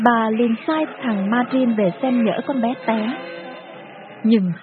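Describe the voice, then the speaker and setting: Woman narrator, grave storybook telling, fairly high voice, tinny sound with music clearly behind. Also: takes it slowly.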